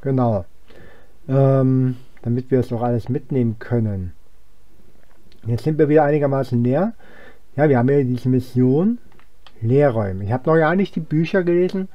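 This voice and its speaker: A young man provides casual let's play commentary, rambling and thinking aloud while he plays. His voice is medium in pitch with a moderate pace and long pauses, and the recording has no echo but the highs are cut off.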